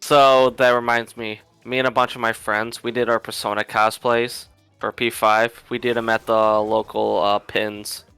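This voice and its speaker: A man's voice: mid-range voice, little pitch movement, moderate pace, sharp tone, smooth, no echo, faint music behind. A man telling earnest stories in a casual roundtable chat. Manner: earnest storytelling.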